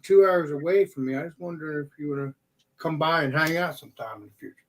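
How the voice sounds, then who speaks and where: Male, high-pitched, excitable, informal conversational delivery with emphatic repetition. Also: quick pace, low-quality recording. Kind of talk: casual chat.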